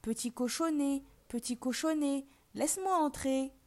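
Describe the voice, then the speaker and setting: A woman's voice: high voice, unhurried, pitched above the performer's own voice. A woman voicing a hungry male wolf in a storybook reading for learners, coaxing and threatening.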